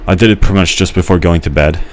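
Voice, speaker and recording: A man's voice: low voice, fast talker, slight background noise. A man casually rambling while playing a game, hesitant, with many fillers and restarts. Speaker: gamer narrating his gameplay.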